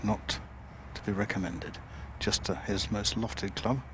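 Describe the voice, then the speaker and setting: A man's voice: fairly low pitch, fairly even intonation, unhurried. A man reporting live from the golf course as a commentator, in a considered, matter-of-fact way. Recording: noisy outdoor broadcast.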